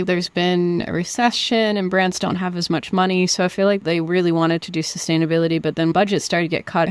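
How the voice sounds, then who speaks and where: A woman hosts a marketing podcast and asks her guest questions in a friendly, easy manner. Her voice is smooth and resonant and sits a little low. The recording is dry and close. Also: no room sound. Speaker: podcast host. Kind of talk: interview questions.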